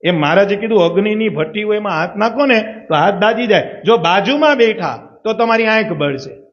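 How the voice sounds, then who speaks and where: A man's voice: high voice, expressive, a little fast. A man with a Saurashtrian Gujarati accent telling a devotional story as a sermon at a religious assembly, often asking the audience rhetorical questions. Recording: muffled lo-fi recording.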